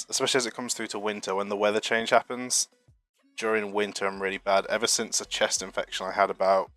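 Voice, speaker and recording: On his marble racing channel's live stream, a young UK man recovering from flu chats casually, reading chat messages and rambling in a self-deprecating way. His voice is on the low side and a bit bright, with no echo.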